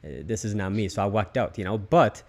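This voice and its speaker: Hesitant podcast host with a low voice. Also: male voice, normal speed, a little mellow. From outside the United States. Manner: hesitant, many fillers and restarts. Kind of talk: casual interview.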